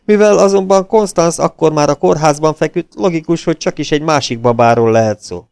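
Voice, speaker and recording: A man voicing a brash, loud detective sidekick. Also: mid-range voice, expressive, smooth, no room sound, studio quality, pitched above the performer's own voice, natural voice. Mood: excited teasing. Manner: loud, teasing and eager. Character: brash, excited male detective partner.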